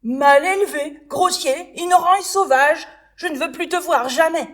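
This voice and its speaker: A woman voicing a haughty young female butterfly in a children's storybook reading, scolding in a high, loud voice. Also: expressive, a little slow. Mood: furious scolding.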